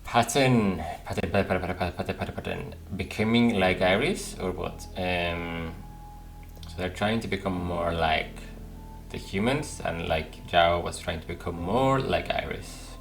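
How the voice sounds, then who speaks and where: A gaming video host offers casual gameplay commentary, thinking aloud and repeating words while he figures things out. His voice is low, creaky and a little slow, with game music playing behind him.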